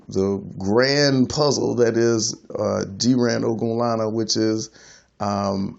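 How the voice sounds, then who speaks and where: A low, deeply gravelly male voice reflecting on his working life in a halting, self-repeating way. The sound is dull and lo-fi. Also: darkish tone. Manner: halting, repeats words, laughs at himself. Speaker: freelance IT consultant. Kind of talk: reflective personal monologue.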